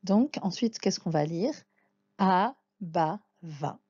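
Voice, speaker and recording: A woman's voice: fairly low pitch, lively intonation, slow, warm tone, husky, no echo, highs cut off. A woman teaching a language lesson, patiently naming and sounding out letters one by one. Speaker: Hebrew teacher. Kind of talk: slow spoken lesson.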